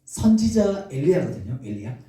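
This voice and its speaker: A male pastor preaches with a lively, rising-and-falling voice and a warm, dark tone. He tells the story animatedly and keeps asking the congregation questions. He sounds far from the mic in a very echoey church. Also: fairly high pitch, normal speed. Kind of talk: sermon.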